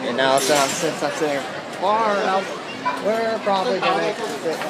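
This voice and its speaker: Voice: mid-range voice, animated, normal speed. A vlogger giving casual, off-the-cuff commentary while filming a train ride. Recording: very noisy crowded outdoor train ride. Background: loud crowd, train and outdoor noise.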